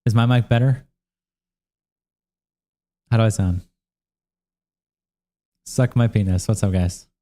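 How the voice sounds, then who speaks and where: With a dark, low voice, a worn-out male streamer hosts a casual livestream chat, reading comments from viewers. He swears casually and fires off quick asides in response to chat.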